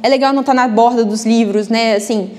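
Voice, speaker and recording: Woman teacher, high voice, rapid delivery, chatty lecture, reverberant classroom. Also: steady tone, a little mellow. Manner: chatty, frequent tag questions. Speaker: book club teacher.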